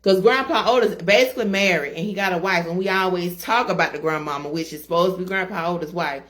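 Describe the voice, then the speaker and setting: Laughing woman, lowish voice. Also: quick pace. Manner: relaxed and rambling, laughing often, many fillers. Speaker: co-host, interviewer. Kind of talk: casual interview chat.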